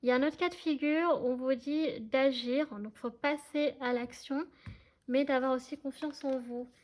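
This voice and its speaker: A tarot card reader talks directly to her audience in a casual, chatty, hesitant reading packed with fillers, often checking that they follow. Her voice sits high and is a little mellow, with fairly even intonation at a normal speed.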